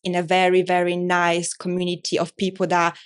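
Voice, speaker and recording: A woman's voice: fairly low pitch, monotone, brisk, clean tone. A young Polish woman being interviewed about her art career, talking in a rambling way with lots of "like" and "you know". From Poland. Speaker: interview guest, artist and business owner. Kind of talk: casual conversational interview.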